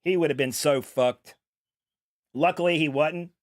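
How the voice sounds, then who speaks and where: A man's voice: a little high, unhurried, no echo, studio quality. A young man telling a story while streaming, rambling, repeating words and swearing casually. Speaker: game streamer.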